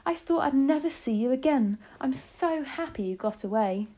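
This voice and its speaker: Woman playing an affectionate old grandmother, slightly raised pitch. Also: big pitch swings, moderate pace, warm tone. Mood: relieved, adoring. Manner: affectionate, composed. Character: loving, cool-headed old grandmother.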